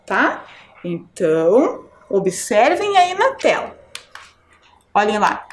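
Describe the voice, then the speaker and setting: This high-pitched primary school teacher speaks with a Brazilian Portuguese accent while teaching children on television. She goes slowly and clearly, one syllable at a time, and keeps checking in with questions.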